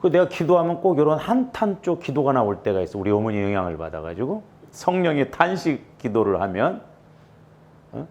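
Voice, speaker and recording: Middle-aged male pastor, homespun anecdotal sermon delivery, slightly high pitch. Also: creaky, darkish tone. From Jeolla, Korea. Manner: folksy storytelling with asides and rhetorical questions. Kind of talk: conversational sermon.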